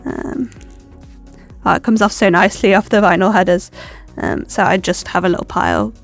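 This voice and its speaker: A young woman with a cold narrates a plan-with-me video, rambling with plenty of ums as she decorates her planner. Her voice is on the low side, steady and moderately paced, with soft music underneath.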